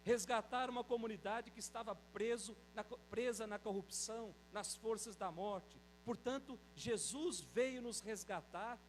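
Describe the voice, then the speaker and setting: A Brazilian priest giving a Sunday homily, reading scripture slowly and telling a folksy joke along the way. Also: male voice, sits high, a little hiss or hum, rough recording. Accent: Brazilian Portuguese. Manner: slows down to read scripture aloud, tells folksy jokes.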